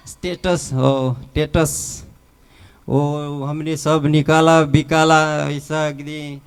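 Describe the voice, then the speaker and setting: A middle-aged man with a Mumbai Hindi accent shares his testimony at a church retreat, slipping Marathi words into his Hindi. His voice is slightly high for a man and smooth and resonant. He talks at an unhurried, slow pace, circling back over phrases as he tells the story. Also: level tone. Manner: halting, repetitive storytelling. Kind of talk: personal faith testimony.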